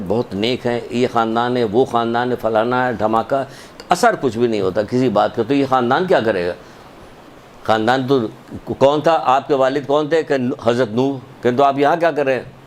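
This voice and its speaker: A man's voice: mid-range voice, slight background noise. A man giving a religious sermon, telling a story, repeating points and asking rhetorical questions. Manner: emphatic, repetitive, rhetorical questions. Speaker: religious lecturer.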